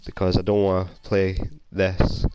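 Recorded roughly on a console headset mic with a little hiss or hum, this young man from Scotland talks in a low-pitched, monotone, slightly slow voice with a darkish tone. He has a cold and offers casual, self-deprecating gameplay commentary as a gaming YouTuber, rambling while he plays.

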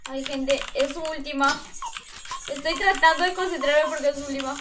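A woman live-streaming a game from home, chatty and excitable, greeting viewers by name. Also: sits high, moderate pace, background noise. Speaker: gaming streamer. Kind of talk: live-stream chat while gaming. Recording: distant mic under loud game music.

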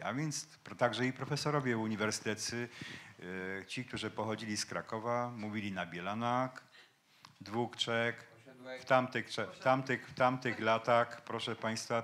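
A man's voice: medium pitch, fairly bright tone. A man speaking as a linguist on a panel debate, explaining points to an audience in a lecturing way. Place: event hall with an audience.

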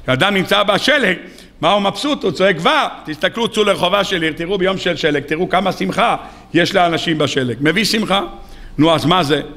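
A man, a rabbi, delivering a sermon and telling the story with lively rhetorical questions. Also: sits high.

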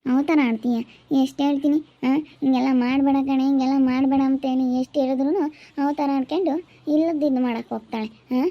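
A woman's voice: high voice, little pitch movement, fairly quick, no echo. A woman playing a quarrelsome middle-aged village aunt who keeps scolding and accusing. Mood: angry. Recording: slightly dull lo-fi recording.

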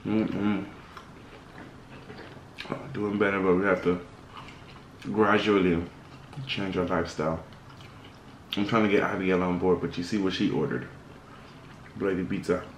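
A man's voice: sits low, measured pace, pauses often, echoey room, slight background noise, poor audio. A man from the Caribbean, a vlogger and DJ, chatting casually and rambling between bites, talking while eating. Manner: relaxed, rambling, with food murmurs. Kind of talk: casual mukbang vlog chat.

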